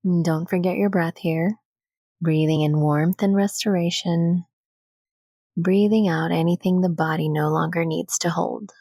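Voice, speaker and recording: In studio-quality sound with no echo, a woman whose voice is on the low side leads a guided meditation. Her intonation stays fairly even as she speaks in a soft, calming, unhurried way, pausing at length between phrases.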